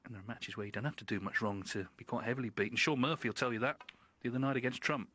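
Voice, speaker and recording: A man giving hushed live snooker commentary in a measured, reflective manner. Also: mid-range voice, fairly even intonation. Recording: live broadcast with audience behind. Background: snooker arena crowd.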